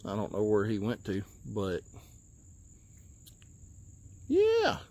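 A man, chatting casually while fishing from an outdoor lake dock, recorded on a handheld phone and often talking low and hushed. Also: huge pitch swings, slow. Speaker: fishing vlogger. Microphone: handheld phone camera.

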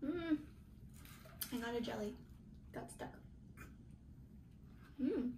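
A woman's voice: high voice, lively intonation, slow, vocal fry, warm tone, slight background noise. A woman chatting casually with her mouth full in a food vlog, giving short murmured replies between bites.

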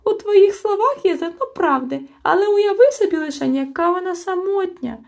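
A woman voicing an excitable old male rat-like creature from a storybook, shrill, loud and sentimental. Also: moderate pace, gravelly, heavily acted. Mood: tearful.

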